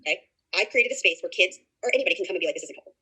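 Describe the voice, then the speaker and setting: A woman in her thirties lectures future teachers in a loose, conversational way, looping back and restarting as she tells stories. Her voice is slightly husky and she talks very fast, piling one thought onto the next. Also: fairly low pitch, lively intonation, bright, forceful tone, rough recording. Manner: fast, chatty storytelling with many restarts. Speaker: teacher educator. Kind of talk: casual classroom lecture.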